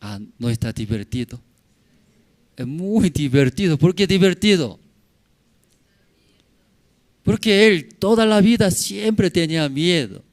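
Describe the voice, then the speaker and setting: Slow-preaching pastor, Spanish. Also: male voice, a little high, lively intonation. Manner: halting non-native Spanish, tag questions to the congregation. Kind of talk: sermon. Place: church in La Paz.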